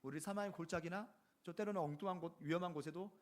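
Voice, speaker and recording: A man with a fairly high voice preaches a sermon in an easy, conversational way, breaking off again and again to ask the congregation "right?" When he reads scripture he slows down and takes each phrase deliberately. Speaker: pastor.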